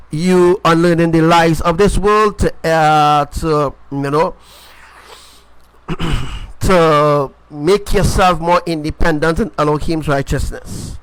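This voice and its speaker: A man's voice: sits high, fairly bright tone, smooth, no room sound, poor audio. A man preaching an informal sermon, emphatic and repetitive, often checking in with his listeners. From Caribbean.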